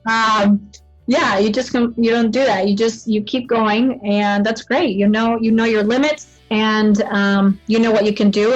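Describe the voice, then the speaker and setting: Spanish-accented woman host, dull sound. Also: medium pitch. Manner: encouraging, keeps tagging "right?". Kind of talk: casual interview chat.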